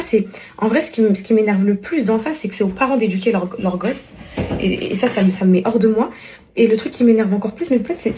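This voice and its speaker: Young mom chatting to her phone in an echoey kitchen, high voice, rambly, lots of restarts. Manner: rambling, animated, with many restarts; coos affectionately to her children. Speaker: vlogger and mother. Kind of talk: casual vlog chat to viewers. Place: home with kitchen. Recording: echoey room with background noise.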